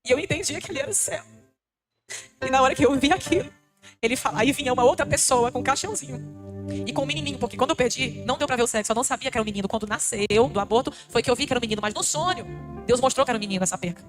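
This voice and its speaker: A Brazilian woman missionary preaches in a high, very rapid voice with a Brazilian Portuguese accent, offering a fervent, emotional testimony to a church congregation she calls brothers. Music plays behind her.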